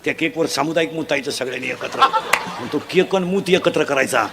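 A man preaching a comic devotional sermon, loud and joking, quizzing the audience with blunt, earthy village humour. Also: on the high side, quick pace, creaky, heavy background noise. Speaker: kirtan preacher.

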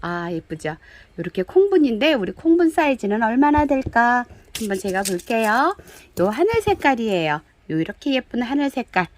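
A woman's voice: a little high, big pitch swings, moderate pace. Gushing woman showing off flowerpots. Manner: gushing, chatty, calls pots "kids". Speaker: pottery shop seller. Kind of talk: product showcase video. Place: indoors, dim room with lights off.

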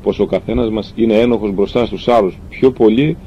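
A man voicing a gentle, dying young man who speaks softly and tenderly. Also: steady tone, close to an everyday voice. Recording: dull lo-fi recording with faint rumble.

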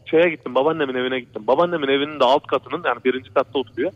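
A man's voice: medium pitch, very fast, no room sound. A man calling in to a radio show, telling a true horror story in a rambling, repetitive way that keeps circling back to "he said" and "brother". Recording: dull lo-fi radio broadcast.

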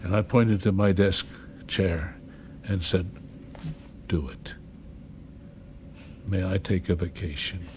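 Older man, minister, deep and slow, dramatic pauses, faint room noise. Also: steady tone, darkish tone. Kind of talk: interview recollection.

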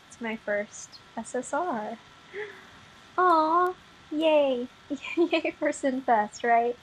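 Gushing bubbly over her gacha game pulls, a young gaming vlogger giggles and apologizes as she comments, feeling slightly unwell. Her voice is a little high. The audio is low quality, with slight noise and faint game music behind her.

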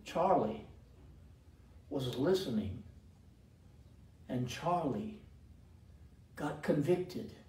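A man's voice: medium pitch, animated, drawn-out words, long pauses, a little mellow. An older man preaching a sermon as pastor, with emphatic delivery and repeated calls to the congregation. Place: church sanctuary. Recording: roomy echo from a distant mic.

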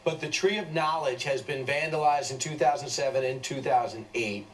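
A man's voice: medium pitch, normal speed, distant mic, crowd noise, poor audio. A man co-hosting a TV morning show, asking loose, chatty questions with some hesitation. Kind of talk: live TV news interview.

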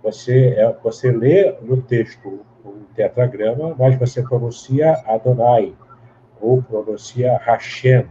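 Taking his time, a Bible scholar guest talks in a mellow, medium-pitched voice, offering lengthy explanations in a teacherly style. He keeps adding tag questions and restarting thoughts. Expect a dull lo-fi recording with faint hiss.

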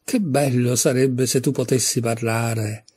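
A man's voice: medium pitch, fairly even intonation, measured pace, dark tone, breathy edge. Man voicing Alice, a curious young girl. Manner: earnest, questioning.

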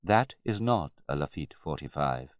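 A male storyteller voices a grave butler with formal, measured courtesy that hides quiet disdain and polite condescension, giving the character a quietly firm mood. His voice rumbles low yet has lively intonation. The storybook reading is dry and close, with no room sound.

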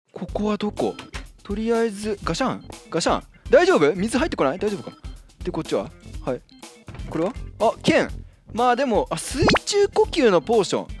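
Excitable man doing Minecraft commentary. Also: high voice. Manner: excitable, yelps and laughs when startled. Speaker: Minecraft let's-play host. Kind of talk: casual gameplay commentary.

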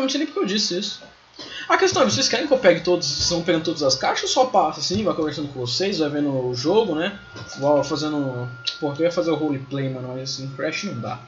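Animated high-pitched Brazilian guy streaming games. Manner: slangy, sweary, rambling. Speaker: gaming live streamer. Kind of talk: casual live game commentary. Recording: roomy home stream with game music. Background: faint game music.

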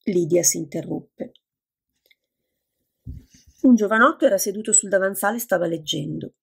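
A woman with a gravelly, husky voice reading an audiobook as narrator in a steady, even manner. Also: mid-range voice, moderate pace. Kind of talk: scripted narration.

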